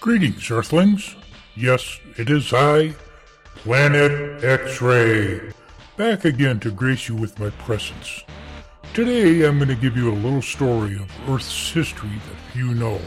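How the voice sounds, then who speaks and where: A man's voice: medium pitch, lively intonation, takes it slowly. Brief: man as a vain alien host, theatrical and lofty, music bed behind. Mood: grandiose. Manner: grandiose, theatrical. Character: boastful alien broadcaster visiting Earth. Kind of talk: story narration in character.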